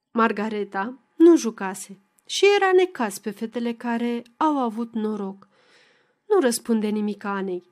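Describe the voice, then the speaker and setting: A woman reading a novel aloud as an audiobook, expressive and dramatic in delivery. Her voice sits fairly high for a woman, and she shapes each scene with shifting emphasis. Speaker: narrator.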